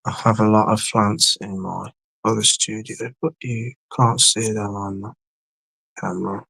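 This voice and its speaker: Gravelly man chatting casually. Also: on the low side, steady tone, unhurried, bright, forceful tone, no room sound. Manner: rambling, swears casually, loses words. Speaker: livestream host. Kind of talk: casual chat with viewers. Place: indoor home studio.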